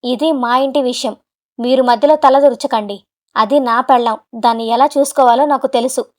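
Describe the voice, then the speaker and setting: A contemptuous, hot-tempered young husband barks his words fast and loud, as a woman narrator puts him on. The voice sits high and light for a man, with a storybook reading feel. He sounds scornful and short-fused throughout. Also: fairly even intonation, natural voice. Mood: angry threatening. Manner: shouting, contemptuous, rapid.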